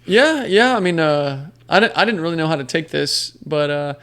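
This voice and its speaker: A man's voice: fairly high pitch, expressive, moderate pace, a bit bright, slight background noise. A man talking casually as a podcast guest, telling rambling stories full of fillers and restarts. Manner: rambling storyteller with many fillers. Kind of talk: casual conversation.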